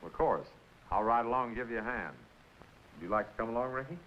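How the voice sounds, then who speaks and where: An actor playing a friendly, hospitable rancher uncle in a 1950s TV western. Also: male voice, mid-range voice, expressive, quick pace, natural voice. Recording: dull lo-fi old TV soundtrack, hiss.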